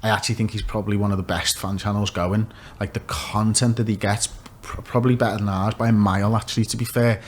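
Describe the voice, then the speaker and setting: A man's voice: on the low side, level tone, quick pace, few pauses, slight background noise. A man, talking casually and offering opinions as an interview guest. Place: small office studio, indoors. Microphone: desk microphone.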